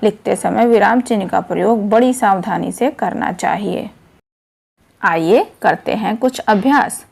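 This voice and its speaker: A woman's voice: on the high side, vocal fry, a little mellow. A woman teaching a children's grammar lesson, explaining patiently step by step.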